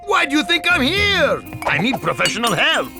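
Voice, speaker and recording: Hapless cartoon wannabe star, self-important, very animated, music behind. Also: male voice, extremely high pitch, moderate pace, full character voice. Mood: pompous, pleading. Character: hapless man claiming to be a soccer superstar. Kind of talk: cartoon voice acting.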